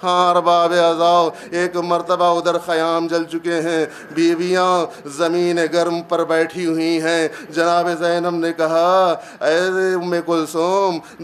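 Male preacher, mourning sermon, high voice, narrow steady melody, repeated calls to the listeners. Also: clean tone. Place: gathering hall.

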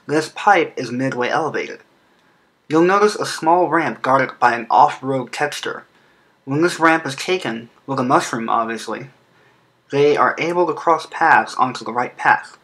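Guy doing a video explainer voiceover, bright sharp voice, lisp from an underbite, mid pitch. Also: poor audio. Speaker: video creator presenting a fan game track design. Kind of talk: scripted explainer narration.

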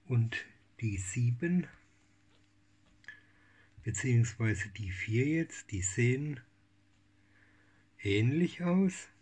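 A middle-aged man, a cat breeder talking in a casual home vlog, cooing softly in baby talk and often slipping into whispers. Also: mid-range voice, lively intonation, extremely slow, pauses often, slightly rough. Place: home room with kittens.

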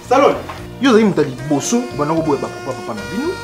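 A man's voice: a little high, sing-song, racing. A man playing a teasing friend who gives blunt love advice, switching between French and Lingala. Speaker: actor in Congolese theatre comedy. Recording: echoey room with music.

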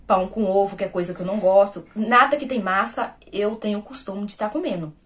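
With a mid-range voice and a brisk delivery, this vlogger tells her viewers about personal news in a relaxed, story-like way. She addresses them directly as "gente" and performs the dialogue of the conversations she's retelling.

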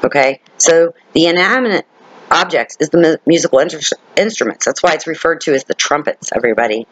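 A man's voice: on the high side, animated, fast talker, fairly bright tone, rough recording. Man teaching scripture, checking in often. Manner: repeats key words and checks in with listeners; reads scripture aloud, then explains it. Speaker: Bible teacher. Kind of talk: informal Bible study teaching.

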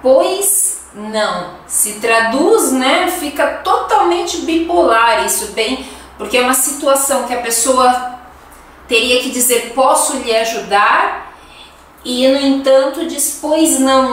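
A woman's voice: fairly high pitch, fairly bright tone. A woman with a Brazilian accent giving a casual language lesson, chatty and laughing often as she acts out example phrases. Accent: Brazilian Portuguese. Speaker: Portuguese teacher. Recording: echoey room, voice from a distance, faint noise.

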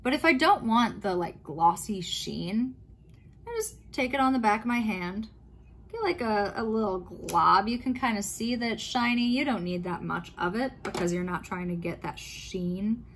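A woman's voice: medium pitch, lively intonation, normal speed, a little hiss or hum. A woman talking casually through her nighttime skincare routine in a chatty, meandering way, with fillers and small self-corrections. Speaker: skincare vlogger. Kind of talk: casual talk-through while doing skincare.

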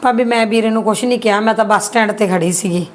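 An actress playing a gentle married sister who plays down how badly she was treated. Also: mid-range voice, fast talker, natural voice. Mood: pleading. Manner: soft, self-effacing, polite. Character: meek young married sister, tearful and gentle. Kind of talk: amateur short-film acting.

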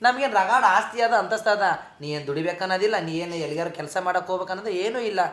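A woman's voice: mid-range voice, expressive, racing, a bit bright, reverberant, close to an everyday voice. A woman playing a middle-aged village mother who is proud of the family's wealth, speaking with a North Karnataka accent in a coaxing way. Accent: North Karnataka Kannada. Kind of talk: amateur village comedy drama.

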